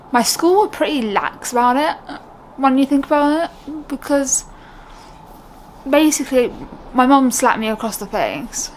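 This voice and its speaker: A young British vlogger with a fairly high voice talks to camera casually and without a script, candid and rambling, often cutting her own sentences short. The audio is poor, with a little hiss or hum.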